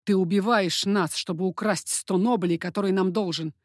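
A woman's voice: mid-range voice, fairly even intonation, normal speed, no room sound, studio quality, natural voice. A woman reading an audiobook, voicing an old man who pleads humbly for his son's life. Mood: accusing. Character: old male Paris moneylender, begging father.

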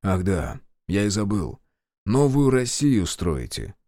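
A man voicing a calm male officer who questions curtly and with dry irony. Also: lowish voice, slow, no echo. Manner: curt, ironic.

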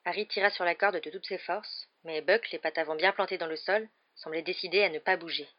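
A woman with a fairly low voice narrates an audiobook in a steady, measured way. The recording sounds dull and muffled.

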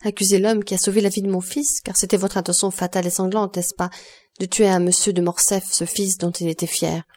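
A woman's voice: mid-range voice, flat delivery, brisk, warm tone, lightly acted. A woman reading the part of a grieving woman near forty who speaks in sorrowful, self-accusing pleas. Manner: sorrowful, pleading. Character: grieving woman of thirty-nine, broken by guilt.

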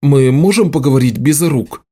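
A man reading aloud and voicing a burly young woodcutter who growls and shouts defensively. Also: medium pitch, normal speed, slightly rough, close to an everyday voice. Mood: sullen.

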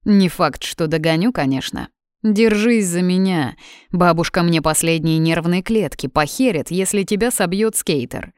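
A woman voicing a calm, teasing young man who protects his sister. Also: on the low side, moderate pace, clean tone, no echo, lightly acted. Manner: dry, mocking, unruffled.

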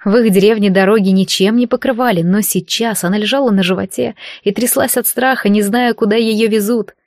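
A woman narrating a fantasy novel in a measured, even storytelling manner, recorded on a close microphone. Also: mid-range voice, no room sound. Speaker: audiobook narrator.

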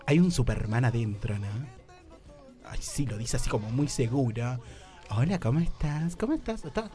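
A man's voice: mid-range voice, normal speed, dark tone, faint music behind. A man with an Argentine accent hosting a comic radio talk show in a flamboyant, camp, theatrical manner. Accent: Argentine Spanish. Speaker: radio host.

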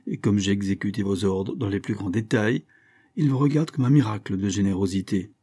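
A man's voice: lowish voice, warm tone, husky, no room sound. A man reading aloud, voicing a dry, cutting old English lawyer who speaks curtly, coldly and with measure. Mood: cool. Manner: curt, cold and measured.

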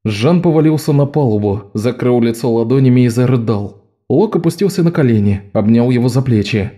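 A man narrating a novel as an audiobook, in a measured, even storytelling manner. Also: medium pitch.

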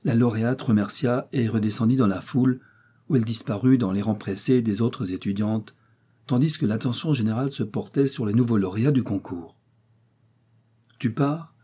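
A man narrating a novel as an audiobook in measured, even storytelling. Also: lowish voice, breathy edge.

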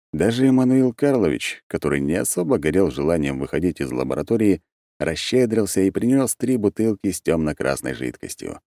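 A man narrates a first-person audiobook in a low, deep voice. His reading is animated, with wide swings in pitch. The sound is dry and close to the mic. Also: dry recording.

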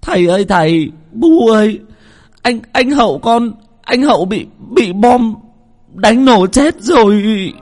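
A man's voice: high voice, expressive, takes it slowly, darkish tone, pitched above the performer's own voice, full character voice. A man voicing a terrified little boy who wails and sobs for his dead brother in a spoken ghost story. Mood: sobbing. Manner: wailing, sobbing cries.

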